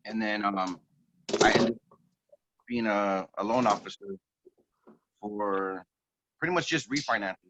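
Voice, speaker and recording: A man, a real estate agent guest, telling his story in a relaxed, rambling way, heard over a phone speaker on a group call. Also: fairly low pitch, measured pace, long pauses, very noisy. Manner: relaxed, rambling, many ums and restarts. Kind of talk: casual interview storytelling. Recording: dull, dry phone audio.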